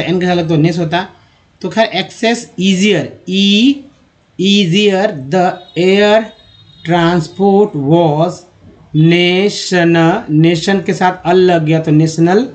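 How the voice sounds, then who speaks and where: A man teaching English spelling and pronunciation, sounding words out slowly syllable by syllable. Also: sits high.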